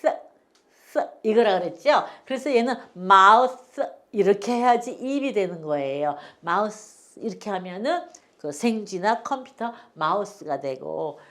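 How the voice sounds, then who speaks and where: Patient woman teaching slow phonics. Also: mid-range voice, animated, a little mellow. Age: older. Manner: patient, repeats words for learners to follow. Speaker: English teacher. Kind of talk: slow phonics lesson for older learners.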